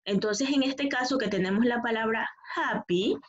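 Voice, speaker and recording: A woman's voice: on the high side, normal speed. A woman teaching an English grammar lesson in Spanish over a video call, with an Ecuadorian accent. She explains patiently and keeps checking whether her students follow. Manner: patient, repeats "¿ya?" and "¿verdad?" to check understanding. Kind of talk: online class explanation. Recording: dull lo-fi video call audio.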